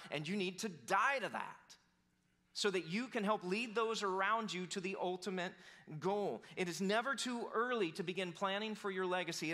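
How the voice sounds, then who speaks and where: A man preaching a sermon as a pastor, earnest, shifting between animated exhortation and quiet, slow emphasis. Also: a little high.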